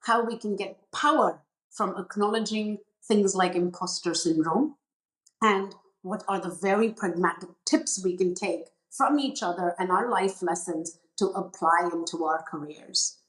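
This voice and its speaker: A woman's voice: medium pitch, a little slow, fairly bright tone. Earnest woman host in a roomy room. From India. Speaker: podcast host. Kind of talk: reflective podcast talk.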